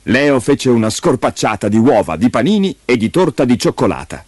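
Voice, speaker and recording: A man narrating a fairy tale in an expressive, lively storytelling manner. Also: mid-range voice, normal speed, faint music behind.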